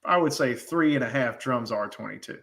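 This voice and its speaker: A man, an HVAC technician, telling animated trade stories in casual podcast chat, full of slang. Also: mid-range voice, fairly quick, creaky.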